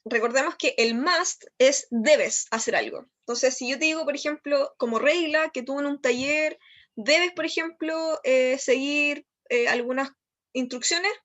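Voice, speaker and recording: A woman with a Chilean Spanish accent, teaching a technical English lesson and explaining step by step, checking in often and slowing down for the English examples. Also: sits high, a bit bright. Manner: slows down to spell out English examples. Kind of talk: recorded online lesson.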